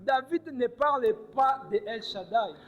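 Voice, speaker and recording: A man preaching a sermon in short phrases, pausing for his interpreter and rising to emphatic cries. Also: extremely high pitch, muffled recording.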